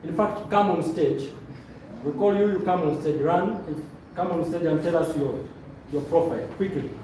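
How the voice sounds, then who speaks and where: Speaking at normal speed with a warm tone, a fairly high-voiced trainer from Luapula, Zambia, leads a presentation course and addresses a live room in a motivational seminar. He gives directions, checks in with listeners and repeats phrases. He's in an indoor training room with a stage, and the very echoey, noisy audio comes from a distant mic.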